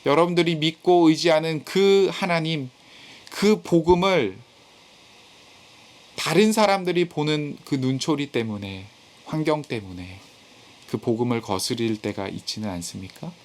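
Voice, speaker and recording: Earnest youth preacher, fairly high voice. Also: male voice, animated, measured pace. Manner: earnest, rising to emphatic when voicing scripture and rebuke. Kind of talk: sermon over live video call.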